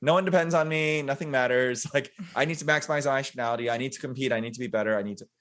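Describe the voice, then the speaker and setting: A man in his forties, a podcast guest, talking in a relaxed, reflective way with many fillers and self-mocking laughs. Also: mid-range voice, racing. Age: 40s. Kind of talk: casual interview conversation.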